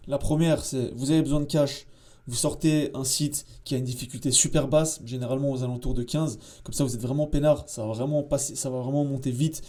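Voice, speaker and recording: Man tutorial host, mellow dark tone, relaxed slangy delivery at a desk mic. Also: medium pitch, a little fast. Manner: casual, chatty, slangy, with many fillers and asides. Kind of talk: casual screen-share tutorial.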